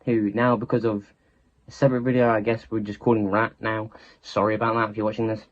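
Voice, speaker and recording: A man's voice: on the low side, flat delivery, fast talker, highs cut off. A teenage boy, telling a rambling storytime story in casual chat and often cutting himself off. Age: teens. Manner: rambling, self-interrupting, chatty.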